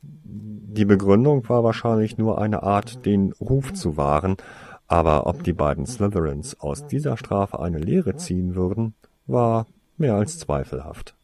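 A man narrating a story in a measured, expressive reading. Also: fairly low pitch, dry recording. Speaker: audiobook reader.

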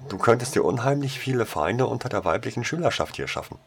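A man's voice: mid-range voice, expressive, fast talker, creaky, voice pushed up. A man voicing a cheerful, tomboyish teenage schoolgirl who teases and giggles in a raised voice. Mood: teasing. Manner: giggly, teasing.

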